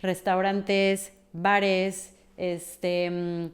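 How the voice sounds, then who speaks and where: Woman, Mexican Spanish accent, lowish pitch, guest on a podcast, expressive chatty storytelling. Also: drawn-out words. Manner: expressive, thinks aloud with fillers. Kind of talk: conversational interview.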